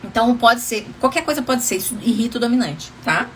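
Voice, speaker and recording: A woman's voice: a little high, lively intonation, a little fast, slight background noise. A woman relationship coach giving casual advice on a livestream, chatty and often laughing, calling viewers endearing names.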